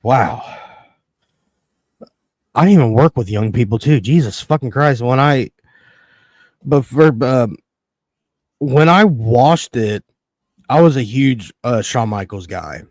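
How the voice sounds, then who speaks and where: A man in his early thirties, with a mid-range voice, talks slowly with long pauses and no echo. As a podcast host he chats casually, ranting and spinning animated, profane stories complete with quoted reactions.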